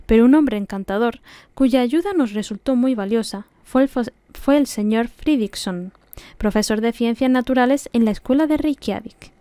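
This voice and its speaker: Andalusian woman reading, mellow higher-pitched voice. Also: normal speed, no echo. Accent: Andalusian Spanish. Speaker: audiobook reader. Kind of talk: scripted narration of a classic novel.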